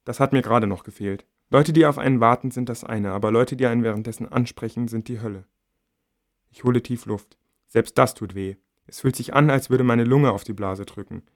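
A man reading a first-person novel aloud in a measured, quiet and intimate way. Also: mid-range voice. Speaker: audiobook reader. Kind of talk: scripted first-person narration.

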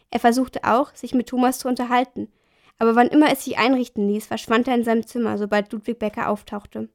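A woman narrates an audiobook in a calm, steady way. Her voice sits slightly high. The reading is scripted and even.

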